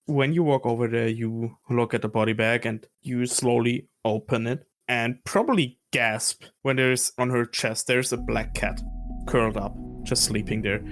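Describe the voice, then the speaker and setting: A man's voice: mid-range voice, normal speed, a bit bright. A man narrating a tabletop game as game master, loose and profane. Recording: music bed underneath.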